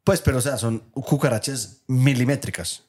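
A man's voice: medium pitch, darkish tone, slightly rough. A Colombian man co-hosting a podcast, chiming in with short teasing remarks. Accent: Colombian Spanish. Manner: teasing, quick interjections. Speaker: podcast co-host. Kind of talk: casual chat.

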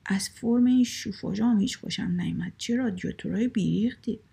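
A timid young husband who has found his nerve piles on exaggerated complaints in a storybook reading. The voice is raised, gravelly and husky, as a woman reads him. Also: mid-range voice, dark tone. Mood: picky. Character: timid young husband Farid, suddenly bold.

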